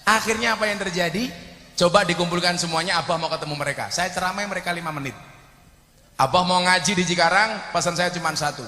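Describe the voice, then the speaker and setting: A man with a Javanese accent preaching a humorous sermon, telling animated stories and shouting out his punchlines. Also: high-pitched, fast. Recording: echoey hall reverb.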